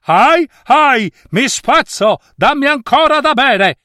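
Storybook magic rope, high wailing cries, man doing the voice, dry sound. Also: expressive, slow, bright, forceful tone, dry recording, full character voice. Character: magic rope, crying out in pain.

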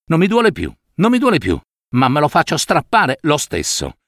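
A man's voice: a little high, wildly swooping pitch, moderate pace, vocal fry, dry recording, clean studio sound, voice pushed up, heavily acted. A man voicing a furious, toothsore old notary. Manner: irritable, shouting in exasperation. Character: grumpy middle-aged male notary with toothache.

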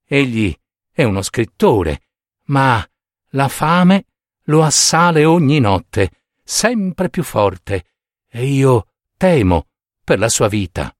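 A man voicing a sad, kind prince in a storybook, speaking softly and sorrowfully. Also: medium pitch, very animated, takes it slowly, no room sound, clean studio sound. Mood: tender. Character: sad, kind statue prince, gentle and giving.

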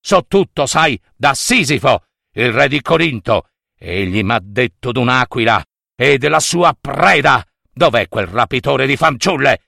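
A man's voice: expressive, a little slow, vocal fry, no echo, studio quality, full character voice. A man doing a raging river-god father. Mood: furious. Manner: shouting, booming, accusing. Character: furious old river god, a wrathful father.

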